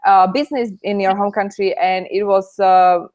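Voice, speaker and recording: A woman's voice: mid-range voice, fairly even intonation, normal speed, darkish tone. A woman from Slovakia with a Slovak accent, hosting a casual interview and asking long, leading questions full of "like". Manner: talkative, leading questions with many likes. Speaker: interview host.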